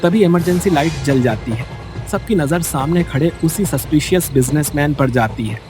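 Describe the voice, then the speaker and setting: Here a man with a slightly high voice reads a scripted bedtime story as narrator, animated and at normal speed. He tells it dramatically while background music plays beneath his voice.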